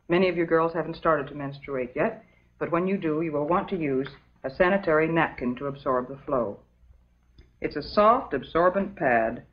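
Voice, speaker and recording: Here a low-voiced actress with an American accent plays a calm, motherly substitute teacher giving a scripted lesson in an old educational film. Her manner is measured, patient, prim and instructional, and the soundtrack is dull and muffled.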